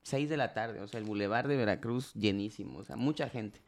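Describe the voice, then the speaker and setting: A man's voice: fairly low pitch, fairly quick. A young adult man with a Mexican accent, a podcast guest telling a story in casual, slangy talk. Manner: animated storyteller, slangy, acts out quoted voices.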